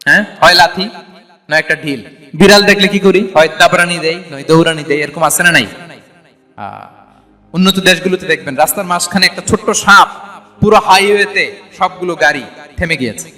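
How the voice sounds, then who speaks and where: A man's voice: high-pitched, fairly quick, long pauses, sharp tone, long reverb tail. A man from Bangladesh preaching a sermon, calling out questions to the crowd. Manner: rousing, calls questions out to the crowd.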